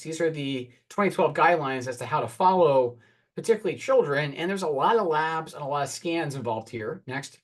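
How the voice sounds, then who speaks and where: A man's voice: fairly high pitch, a bit bright. Man, 40s, oncologist presenting on stage; candid, wry and earnest. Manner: calls for next slides. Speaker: oncologist giving a talk. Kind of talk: conference presentation.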